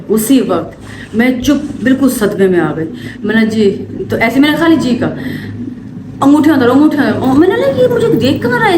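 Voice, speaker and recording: A young woman from Pakistan, telling a story to camera for her family vlog in an animated way. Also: medium pitch. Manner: animated, quick to act out what happened. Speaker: family vlogger. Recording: echoey room with faint ambient noise.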